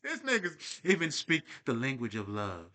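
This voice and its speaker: A man's voice: mid-range voice, wildly swooping pitch, normal speed, pushed and bright. A young man talking in a casual, profane, rambling monologue as a spiritual vlogger. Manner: profane, streetwise, digressive.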